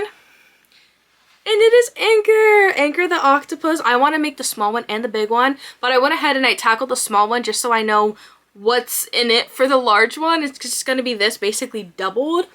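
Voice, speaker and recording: Bubbly young woman crochet vlogger. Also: on the high side. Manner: bubbly, gushing, quick bursts of excitement. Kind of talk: casual chat to camera.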